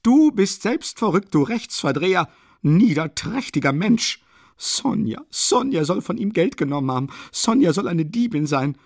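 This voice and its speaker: A male audiobook reader voicing a frantic, hysterical impoverished woman who screams accusations in a high, strained falsetto. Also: little pitch movement, moderate pace, hardly any pauses, mellow, dry recording, studio quality, natural voice. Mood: hysterical fury.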